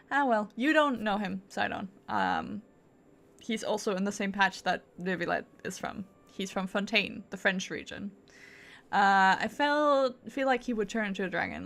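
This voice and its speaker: A woman with a mid-range, gravelly voice and a fairly bright tone chats casually while livestreaming a game. She thinks out loud and playfully corrects herself as she rambles along.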